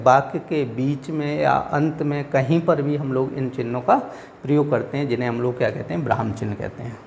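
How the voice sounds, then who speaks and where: A man's voice: a little high, gravelly, darkish tone, a little hiss or hum. A man teaching an exam-prep grammar lesson, explaining patiently, repeating each point and checking in with his students.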